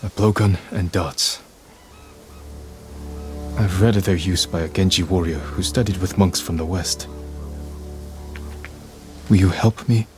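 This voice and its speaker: Deep-voiced, resolute samurai lord. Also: male voice, unhurried, long pauses. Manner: steady, clipped and determined. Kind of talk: video game dialogue. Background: game music.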